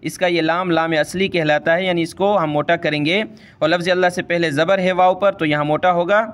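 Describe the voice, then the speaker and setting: A man teaching Quran recitation, drawing out words slowly and explaining each sound in quick asides. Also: fairly high pitch, fairly even intonation, fairly bright tone.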